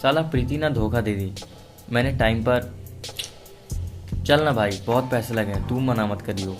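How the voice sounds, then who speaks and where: A man putting on a cheeky young pal in a storybook drama, with a high, bleating, pleading way of talking. He teases his friend without pause, and every line comes out a notch louder and higher than the storyteller's own plain telling. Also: music in the background, natural voice. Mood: teasing. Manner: whiny, bleating banter. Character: joking, teasing young male best friend.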